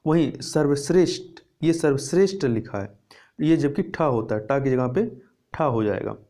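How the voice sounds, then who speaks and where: A man teaching exam prep, with a mellow, warm voice set a little high. He works through each question step by step, posing a question to the class and then answering it himself. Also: animated, moderate pace. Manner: explains step by step, repeats answers, asks and answers his own questions. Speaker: Hindi teacher.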